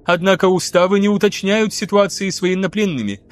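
A man voicing a stern female military commissar, measured and dry. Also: high voice, steady tone, voice pushed up, close to an everyday voice. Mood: cool.

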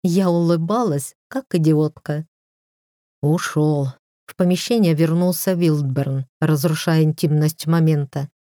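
Woman reading a novel, mellow and low. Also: measured pace, no echo, studio quality. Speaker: audiobook reader. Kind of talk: first-person novel narration.

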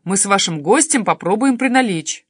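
A woman's voice: mid-range voice, lively intonation, moderate pace, breathy edge, no echo, studio quality. A woman voicing a brusque, commanding middle-aged male neighbor in an audiobook.

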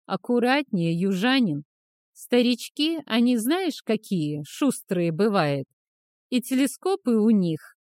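A woman's voice: on the high side, sing-song, slow, darkish tone, no room sound, clean studio sound. A woman reading the part of a sarcastic, cheeky teenage boy who was a thief, in a mocking manner.

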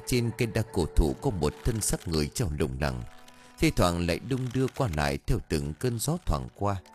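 A man reads a horror story aloud with a dramatic, suspenseful delivery. His low voice moves up and down through a wide range. Quiet music runs behind him. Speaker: audiobook narrator. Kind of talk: scripted horror story narration.

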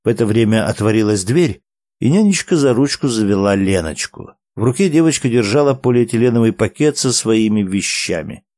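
A man narrating a story aloud in a calm, measured way. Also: fairly low pitch, dry recording, clean studio sound. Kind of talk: audiobook narration.

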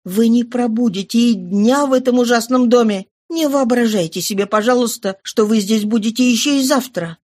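A woman's voice: a little high, normal speed, few pauses, darkish tone, pitched above the performer's own voice, lightly acted. A woman voicing an ardent young man. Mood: insistent. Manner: emphatic, impassioned. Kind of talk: audiobook reading.

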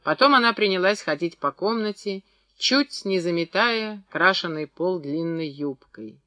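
Bright-voiced male audiobook narrator. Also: high voice, expressive, dry recording. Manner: measured literary reading. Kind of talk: scripted narration.

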